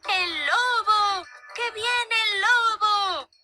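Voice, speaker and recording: A young shepherd boy from a storybook, voiced by a woman, shouts for help in a high, cracking voice. The tone is very bright and sharp. Soft music plays underneath. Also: extremely slow, exaggerated voice. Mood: shouting for help. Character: young shepherd boy, mischievous then panicked. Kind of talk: storybook reading.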